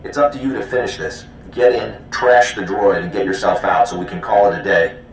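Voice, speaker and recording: An actor playing an easygoing, confident military intelligence contact in a video game, casual and wry. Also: male voice, fairly quick, vocal fry. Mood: wry, encouraging. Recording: very echoey, faint rumbling noise.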